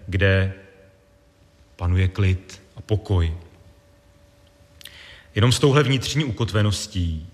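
Man preaching in a reverberant church. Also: on the low side. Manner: measured, deliberate delivery with pauses. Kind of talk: sermon.

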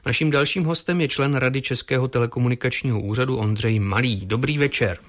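A man hosting a news broadcast, asking interview questions in a formal, crisp manner. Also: medium pitch. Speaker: news anchor.

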